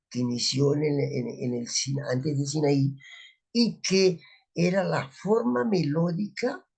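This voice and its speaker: A man with a gravelly, husky voice teaching a Bible study. He explains terms patiently and keeps asking his listeners questions. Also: a little high, a little mellow. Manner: explanatory, asks rhetorical questions, spells out Hebrew words.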